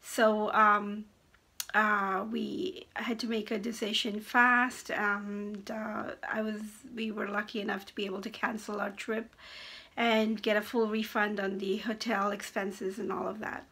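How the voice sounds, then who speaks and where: A woman's voice: medium pitch, level tone, bright, forceful tone, husky. Hesitant woman, voice giving out. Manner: hesitant, halting with frequent pauses. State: voice giving out, slightly hoarse. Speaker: knitting podcast host. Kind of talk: casual chatty video podcast.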